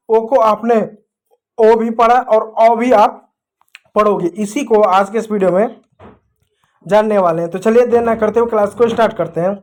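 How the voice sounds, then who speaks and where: A man teaching an English pronunciation lesson, explaining step by step and asking the viewer questions while he writes on a board. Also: high-pitched. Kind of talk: classroom lesson.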